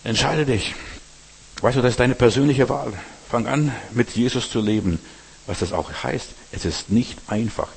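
A man's voice: mid-range voice, moderate pace, gravelly, slightly rough, big-room sound. A man preaching a sermon, addressing listeners directly with frequent asides asking if they understand.

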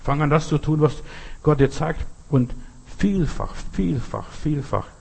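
Male preacher, husky tone, earnest and repetitive sermon delivery, talks straight to the listener. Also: a little high, lively intonation, a little slow, darkish tone.

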